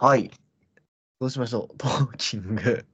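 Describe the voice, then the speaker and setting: A man's voice: medium pitch, normal speed, husky. A man in his twenties with a Kansai accent, an easygoing podcast co-host chatting casually. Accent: Kansai Japanese. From Kansai, Japan. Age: 20s. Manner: easygoing, frequent short affirmations. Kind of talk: casual chat.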